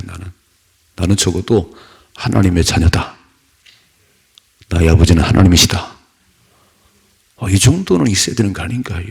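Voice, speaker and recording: A man preaches at an early-morning church service, his low voice heavily gravelly and very husky. He talks to the congregation conversationally, tossing out rhetorical questions and weaving in personal stories. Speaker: pastor.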